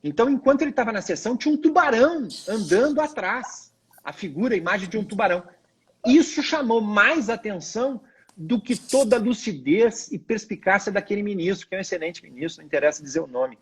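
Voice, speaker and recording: A man's voice: a little fast, slightly rough. A man, a lawyer guest on a live video chat, explaining in a didactic, emphatic way. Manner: didactic, emphatic, expressive pitch swings.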